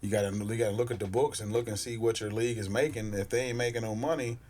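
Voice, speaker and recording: A man's voice: lowish voice, fairly even intonation, fast talker, darkish tone. A man co-hosting a podcast, agreeable and plainspoken, often chiming in with agreement. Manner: agreeable, frequent "right", plainspoken. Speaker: podcast co-host. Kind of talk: casual chat.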